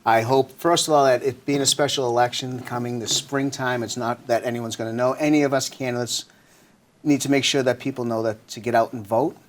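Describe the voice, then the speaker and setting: A man's voice: mid-range voice, steady tone, brisk, slight background noise. A man speaking as a local politician being interviewed, informal and conversational with frequent filler phrases. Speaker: city councilor running for state representative, interview guest.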